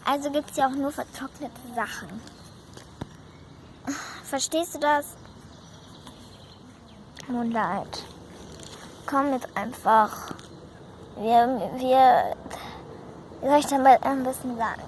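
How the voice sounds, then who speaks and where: A woman's voice: high-pitched, slow pace, pauses often, a little hiss or hum. Woman voicing a patient coaxing horse. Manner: coaxing, reassuring.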